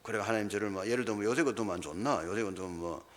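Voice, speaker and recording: A man's voice: on the low side, racing. A man with a Gyeongsang Korean accent, a pastor preaching a sermon, emphatic and constantly throwing rhetorical questions at the congregation. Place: large church hall. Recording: long church hall reverb.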